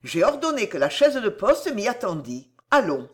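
A woman's voice: mid-range voice, very animated, normal speed, slightly rough. Curt impatient husband, read by a woman narrator. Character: brusque troubled married man, impatient. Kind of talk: audiobook character reading.

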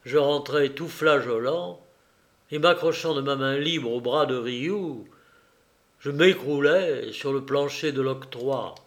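A man reading a first-person novel aloud as an audiobook narrator, in a measured, deliberate way. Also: medium pitch, fairly bright tone.

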